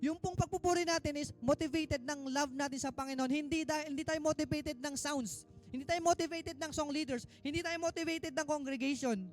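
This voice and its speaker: High-voiced man preaching a sermon. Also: steady tone, fairly quick, faint music behind. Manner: emphatic preaching, mixing Tagalog and English; rises to loud exhortation, drops to quiet asides. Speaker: minister.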